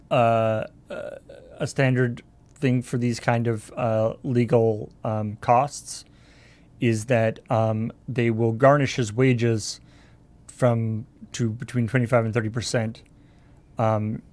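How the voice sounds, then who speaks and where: A man co-hosting a relaxed talk show. He speaks haltingly with frequent fillers and drops dry jokes along the way. His pitch sits in a middle range for a man. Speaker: co-host. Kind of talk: casual discussion.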